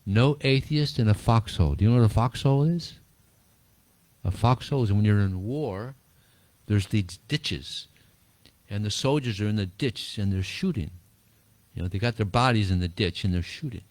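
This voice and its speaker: A man giving a relaxed spiritual talk to a small group, chuckling often and repeating words as he answers questions. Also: fairly low pitch, normal speed, no echo. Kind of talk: informal talk and Q&A.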